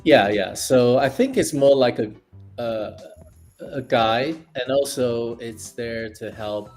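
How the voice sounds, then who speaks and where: A man speaking as a panel guest in casual discussion, measured and agreeable. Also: mid-range voice, darkish tone, soft background music.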